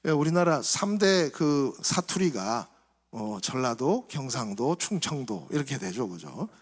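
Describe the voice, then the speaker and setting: A male pastor giving a sermon in a reflective, soft-spoken way, his phrases trailing off quieter. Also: a little high, very animated, unhurried, creaky. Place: church sanctuary. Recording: reverberant church hall.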